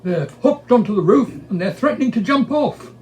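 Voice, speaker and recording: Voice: medium pitch, animated, moderate pace, a little mellow, pitched above the performer's own voice, lightly acted. A performer voicing an urgent, loyal and suspicious lion in a storybook reading, speaking in a hurry. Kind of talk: storybook character voice.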